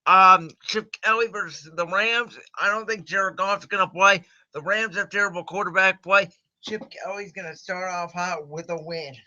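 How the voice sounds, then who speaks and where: A man's voice: sits high, fairly even intonation, normal speed, sharp tone, dull audio. A man chatting casually and confidently as he hosts a livestream of sports predictions, recorded on a home computer mic. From Cleveland, United States. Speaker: host.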